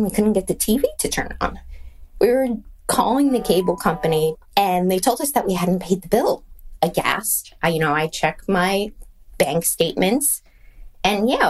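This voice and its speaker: A woman's voice: lowish voice, darkish tone. A woman telling a funny story about her own sleep-deprived mistakes, mocking herself. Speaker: mother sharing a story. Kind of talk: recorded anecdote.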